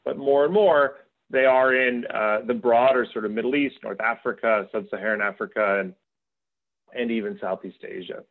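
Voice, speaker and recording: Man on a tinny video call. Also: medium pitch. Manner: fluent, explanatory, with frequent fillers. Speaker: venture capital investor. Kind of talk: panel talk over a video call.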